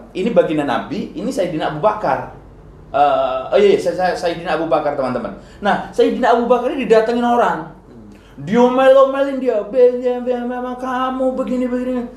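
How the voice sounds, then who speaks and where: A man hosting a casual Islamic talk show, lively and telling stories with acted-out voices. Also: fairly high pitch, reverberant. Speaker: host and Islamic preacher.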